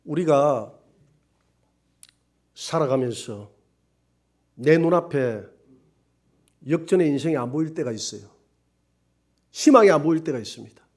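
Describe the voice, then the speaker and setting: A male pastor preaching a Sunday sermon with strong emotion, swinging between soft and loud passages. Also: fairly high pitch.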